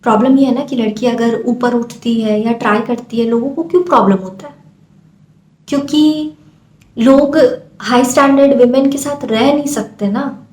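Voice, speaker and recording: Young woman from India, vlogger, fairly high voice, earnest and pleading delivery, echoey room. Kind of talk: impassioned talk to camera.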